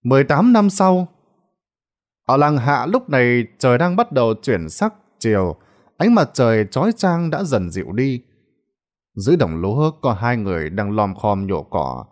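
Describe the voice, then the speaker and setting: A man narrating a ghost story in a dramatic, expressive scripted way. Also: medium pitch, normal speed.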